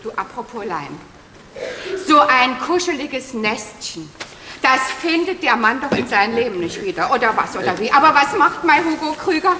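A woman's voice: high-pitched, big pitch swings, moderate pace, crowd noise. An actress playing a dramatic, self-pitying woman whose partner has left her, in a stage comedy, talking in a breathless, tearful gush. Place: theater stage. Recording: echoey theater hall with audience laughter. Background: audience laughter.

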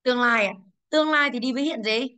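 A young woman teaching English, briskly walking through exam answers and asking the class questions she then answers herself. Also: a little high, pushed and bright, poor audio.

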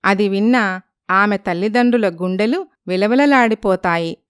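Woman narrating a story, smooth, dry voice. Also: medium pitch, normal speed, no echo. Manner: even, storytelling.

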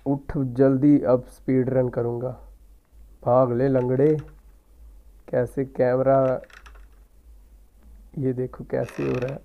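Hoarse man muttering gameplay commentary. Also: medium pitch, level tone, slow pace, long pauses, dull audio. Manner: muttering running commentary, taunting the game character. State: sore throat. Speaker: gaming YouTuber.

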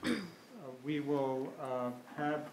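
An older man, the moderator of a public candidates forum, explaining the rules at a podium microphone in a relaxed, halting way with many fillers. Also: mid-range voice. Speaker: event moderator. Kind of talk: opening remarks at a public forum. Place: school meeting room, at a podium. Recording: roomy hall with faint room noise.

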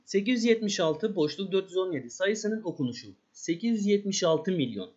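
Man, math teacher, high lively voice, step-by-step explaining, dull lo-fi recording. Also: fairly quick. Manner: lively, step-by-step, addresses pupils directly. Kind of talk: explaining a math lesson to pupils.

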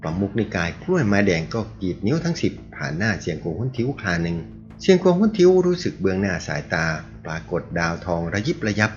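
Reading fast in a fairly low voice, a man narrates a martial arts novel in an even, storytelling manner. Faint background music accompanies the dull, lo-fi audio.

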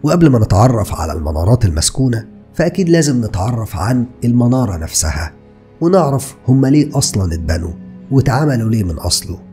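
A man in his thirties with an Egyptian accent, narrating scary stories as a channel host with dramatic delivery and hushed words, close to a desk mic in a studio. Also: mid-range voice, fast, soft background music. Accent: Egyptian Arabic. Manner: dramatic, lively storytelling with sudden hushed words. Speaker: horror storyteller host. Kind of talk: scripted horror narration. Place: dark indoor studio. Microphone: desk mic close to mouth.

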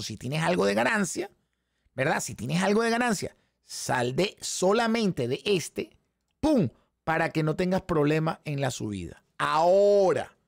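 Hoarse Venezuelan man teaching trading. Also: sits high, dry recording, clean studio sound. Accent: Venezuelan Spanish. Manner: animated, talks straight to the chat audience with frequent rhetorical questions. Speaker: trading instructor. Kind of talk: live-stream trading lesson.

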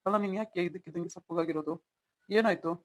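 A performer plays a young husband in a home-made audio drama, devoted but quick to flare up. He coaxes and asks over and over, then snaps. Dry, close sound with no room. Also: medium pitch, no room sound, natural voice. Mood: pleading. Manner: coaxing, repeats questioning "hmm?". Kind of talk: amateur Kannada audio drama.

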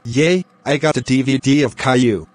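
A man's voice: medium pitch, normal speed, dry recording, natural voice. A synthetic man's voice playing an emotional birthday celebrant in an amateur cartoon, with stilted text-to-speech delivery. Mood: delighted. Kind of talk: text-to-speech animated dialogue.

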